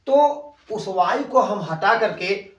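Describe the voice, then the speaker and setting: Man, teacher, high voice, spells words slowly, echoey room, distant from mic. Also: animated, lo-fi sound. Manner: slow, spells words letter by letter. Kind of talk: classroom grammar lesson.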